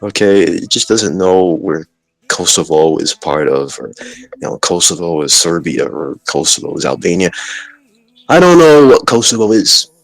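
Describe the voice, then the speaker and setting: Deep creaky man hosting. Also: big pitch swings, moderate pace, no echo, soft background music, low-quality recording. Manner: joking, rambling, trash-talking. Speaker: podcast host. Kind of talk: podcast banter.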